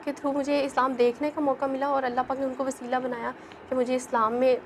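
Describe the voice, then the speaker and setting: Young woman from pakistan telling her story in an interview, high voice, earnest, keeps saying believe me. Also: level tone, slight background noise. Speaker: guest. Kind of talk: personal testimony in an interview.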